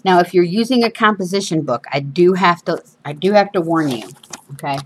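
Talking a little fast in a lowish voice, a craft show host chats through a casual demonstration at an indoor craft table, with slight background noise. Her sibilants whistle due to missing front teeth, and she sprinkles in informal, self-deprecating remarks.

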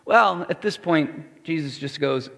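A man's voice: fairly high pitch, lively intonation, a little slow, gravelly, a bit bright. A man preaching a sermon as pastor, acting out the crowd and Jesus in quoted voices. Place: church sanctuary. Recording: reverberant church hall.

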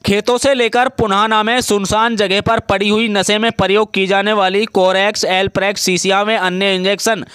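A man's voice: high voice, little pitch movement, normal speed, hardly any pauses, fairly bright tone, clean tone, no echo, clean studio sound. A man narrating a scripted local news report in a formal, read-out manner.

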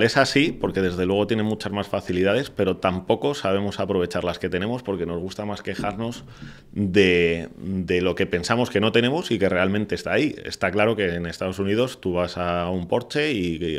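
A man in his forties with a Castilian Spanish accent talking casually on a podcast, reasoning aloud in a measured way with rhetorical questions. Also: deep voice. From Spain. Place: small indoor podcast studio. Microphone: close boom-arm studio microphone.

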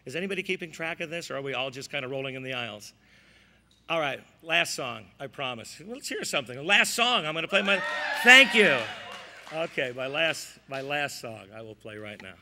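Older male American vaudeville comic, slightly high-pitched, folksy and wry, live stage sound with long reverb. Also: very animated, fairly quick, pushed and bright. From American Midwest, Chicago area. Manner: folksy, wry joking asides to the audience. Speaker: ukulele-playing comedian. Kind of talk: vaudeville stand-up comedy patter. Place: indoor stage at a live show. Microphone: stand microphone.

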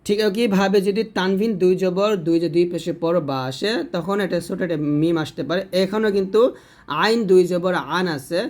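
A man teaching Quran recitation rules step by step in Bengali, explaining plainly and then reciting examples slowly and drawn out. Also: sits high, fairly even intonation, darkish tone. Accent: Bangladeshi Bengali.

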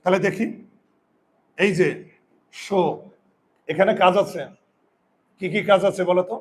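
A man's voice: high-pitched, steady tone, moderate pace. A man teaching pronunciation, explaining step by step and often asking his students questions. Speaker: Bengali grammar teacher. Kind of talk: whiteboard pronunciation lesson.

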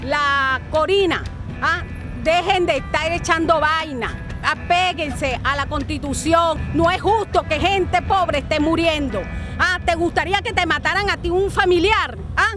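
A middle-aged woman speaks outdoors into a handheld mic, indignant and scolding, with pointed rhetorical questions. Her voice sits very high. Music plays underneath. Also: unhurried. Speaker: interviewed resident. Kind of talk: street interview. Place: city street outdoors. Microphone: handheld reporter mic.

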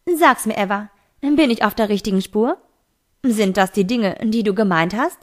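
A woman's voice: mid-range voice, normal speed, lightly acted. A woman voicing a teenage boy who insistently questions a close friend, in an amateur audiobook reading. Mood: pointed.

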